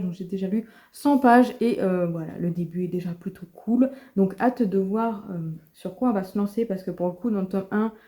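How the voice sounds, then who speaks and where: A woman talks in a casual vlog, rambling with frequent fillers and restarts. Her voice is very dark and mellow, at a middle pitch for a woman. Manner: chatty, many fillers and restarts. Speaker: book vlogger.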